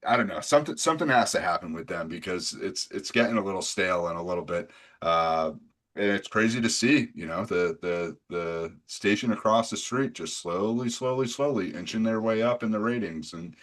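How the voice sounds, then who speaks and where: A man's voice: low voice, brisk, a bit bright. A man hosting a casual sports podcast, blunt and profane, rambling with frequent restarts. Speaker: podcast host.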